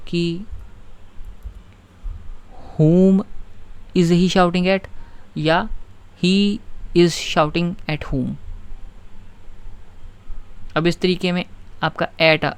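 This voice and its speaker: Guy teaching grammar online, kinda high voice with lots of fry, takes it slow and reads each example out. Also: steady tone, no room sound. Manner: explains step by step, reads example sentences slowly.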